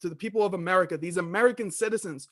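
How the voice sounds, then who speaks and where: A man's voice: sits high, rapid-fire, a bit bright. A man performing an amateur wrestling promo as an indignant, crusading wrestler calling out a villain.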